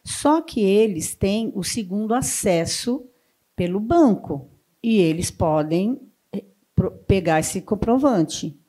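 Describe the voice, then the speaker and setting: A woman with a mellow, darker voice asks the panel a question from the audience. She explains her situation hesitantly, step by step. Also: medium pitch, animated, slow pace. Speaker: audience member asking a question. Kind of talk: question from the floor.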